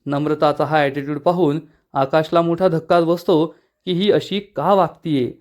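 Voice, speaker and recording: A man retells a serial episode in brisk, steady storytelling, with a voice set a little high for a man. He moves the plot along without pause. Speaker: serial recap narrator. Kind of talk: episode recap narration.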